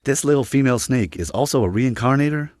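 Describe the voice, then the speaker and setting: Steady male first-person story narrator. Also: medium pitch, quick pace, no echo, studio quality. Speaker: recap narrator.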